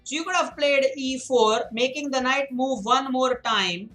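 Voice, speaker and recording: On poor audio with faint music in the background, a man coaches chess over a live stream in a very high, pushed, bright voice at an unhurried pace. He walks through moves, calls out students by name to correct them, hammers points home through repetition, and responds to the chat after reading it out.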